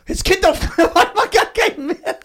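A man's voice: very high-pitched, lively intonation, moderate pace, fairly bright tone. A man co-hosting a casual chat podcast, talking animatedly and often breaking into laughter. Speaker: podcast co-host and touring comedian.

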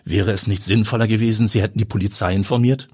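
A man's voice: lowish voice, fairly even intonation, fast, a little mellow, slightly rough, voice pushed up. A man voicing a weary chief police inspector who questions in a dry, official, sardonic way. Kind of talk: audiobook character voice.

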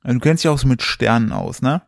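A man's voice: mid-range voice, animated, fairly quick, gravelly, dry recording. Chatty young man, dry close sound. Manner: rambling anecdotes with many fillers, acts out voices. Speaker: podcast co-host. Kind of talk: casual chat, storytelling.

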